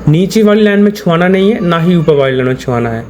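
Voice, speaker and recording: A man's voice: a little high, lively intonation, fast, a little mellow, highs cut off, a little hiss or hum. A male teacher giving a patient, step-by-step lesson, repeating his points and checking that his students follow. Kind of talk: step-by-step classroom explanation.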